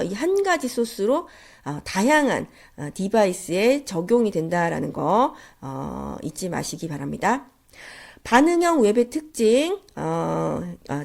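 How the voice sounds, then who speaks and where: Female lecturer, congested and nasal from a head cold, animated pitch movement, courteous step-by-step teaching delivery. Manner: polite, explanatory. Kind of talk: instructional slide lecture.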